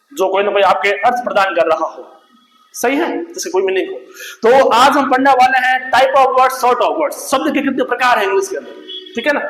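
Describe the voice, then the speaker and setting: A man's voice: sits high, fairly bright tone. A man teaching English grammar in Hindi, asking his class questions and answering them himself, repeating the key terms. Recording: echoey room.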